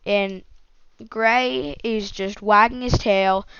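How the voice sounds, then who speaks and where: A woman telling a made-up adventure story on a podcast, rambling from one event to the next, in a smooth voice with some creak. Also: medium pitch, fairly even intonation, slow pace, fairly bright tone, no echo. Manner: rambling, strings events with "and then". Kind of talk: improvised story narration. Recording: dull lo-fi dry recording.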